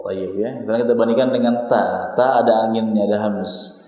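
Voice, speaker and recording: An Indonesian man teaching Quran recitation, drilling syllables slowly and repeating each sound for his students. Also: lowish voice, fairly even intonation, dark tone. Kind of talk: tajwid lesson with slow demonstrated recitation. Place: small prayer room. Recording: echoey, long reverb hall sound.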